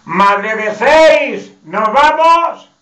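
Man playing a teasing husband calling out slowly. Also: high-pitched, fairly bright tone, voice pushed up, full character voice. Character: teasing middle-aged husband, mischievous and provoking. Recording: roomy, distant, dull sound.

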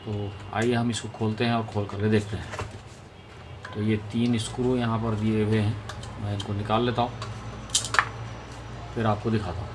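Speaking in a low, flat, even voice at a moderate pace, a man walks viewers step by step through an informal repair tutorial, pausing often. The home-made recording carries some background noise.

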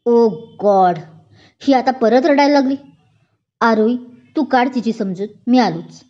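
A woman's voice: fairly high pitch, lively intonation, moderate pace. A woman voicing a stern young male police inspector who scolds curtly and sounds exasperated, in a dull lo-fi recording.

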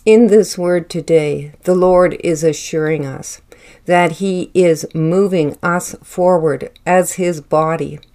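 Woman, prophetic sermon, slow solemn delivery, lowish voice. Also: a little mellow. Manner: slow, measured, solemn delivery speaking as the Lord. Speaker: prophetic speaker.

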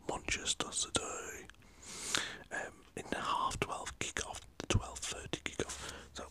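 For an ASMR channel, a northern-accented man whispers a loose, chatty football talk a little slowly, his voice pushed and bright. A camera sits in front of him as he rambles and swears mildly.

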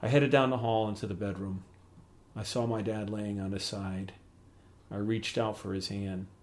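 Lowish-voiced man reading his memoir. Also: fairly even intonation, a little hiss or hum. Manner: plain, measured storytelling.

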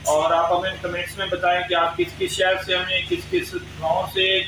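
A man's voice: high-pitched, monotone, moderate pace, background noise. A man hosts a cooking channel and explains a recipe step by step. He speaks to his viewers as friends. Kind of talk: cooking tutorial. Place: home kitchen.

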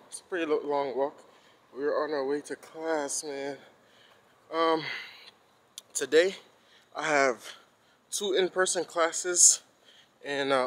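A man's voice: mid-range voice, low-quality recording. A young man, a college student, talking casually into his phone while walking outdoors on campus. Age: young adult. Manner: relaxed, loose and conversational.

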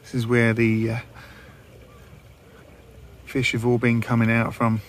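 A man, casually presenting a fishing vlog in a relaxed way with plenty of fillers. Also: medium pitch, measured pace, a little hiss or hum. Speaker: fishing vlogger. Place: inside a parked car, then outdoors on seaside rocks.

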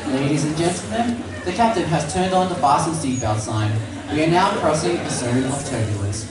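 A man delivers a plane cabin announcement as a mock flight attendant, with a formal, scripted read and a slightly raised pitch. His voice booms through a reverberant hall PA from far away, with noise clearly audible underneath. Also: animated, moderate pace. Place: large hall at a live event. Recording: echoey hall PA, far off, noisy.

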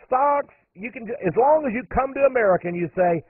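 A radio host delivers a monologue in a very high-pitched, husky, expressive voice, speaking fairly quickly and emphatically and climbing sharply on the points he stresses. The audio is narrow and phone-like, dry with no room sound.

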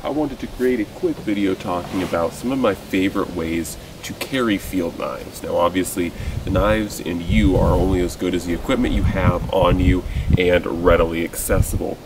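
A young man sitting on a truck tailgate in a forest clearing, casually talking through his gear with fillers and restarts, recorded outdoors by a distant camera. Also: low-pitched, moderate pace. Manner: relaxed, conversational, with frequent fillers and restarts. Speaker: outdoors video host. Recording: distant mic with loud outdoor noise.

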